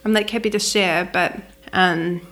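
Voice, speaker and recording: Speaking from her flat, this young adult woman from New Zealand has a Kiwi accent and works as a wedding photographer. In a casual, chatty interview she leans on "like" a lot and laughs readily, her voice on the low side, steady, fairly bright, and measured in pace.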